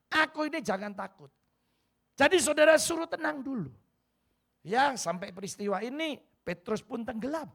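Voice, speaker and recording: An animated male pastor with an East Javanese accent delivers a sermon. His fairly high voice swings widely in pitch and carries a gravelly edge. He acts out short scenes as he preaches. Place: church hall.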